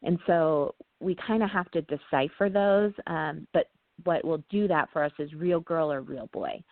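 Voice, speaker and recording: A woman guest speaking as a parenting trainer, explaining casually, often pausing on "um" and checking in with "right?". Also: low voice, no room sound. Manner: talks through ideas with frequent "um" and tag "right?". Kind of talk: casual explanatory interview talk. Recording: tinny phone-like line, dry.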